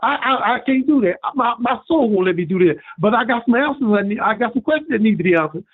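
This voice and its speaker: Male caller, high husky voice, lively and preachy, tinny phone audio. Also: quick pace. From Birmingham, Alabama. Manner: preachy, repetitive, animated storytelling. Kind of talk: call-in rant.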